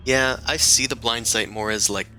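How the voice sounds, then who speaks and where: A man's voice: mid-range voice, fairly even intonation, moderate pace, sharp tone, soft background music, poor audio. A man narrating a tabletop role-playing game as game master in a casual, improvised, conversational way.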